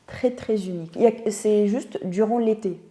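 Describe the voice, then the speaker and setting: A woman's voice: medium pitch, normal speed, dark tone. A woman, a guest telling her story in a casual interview, thoughtful and searching for words. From Tunisia. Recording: roomy echo.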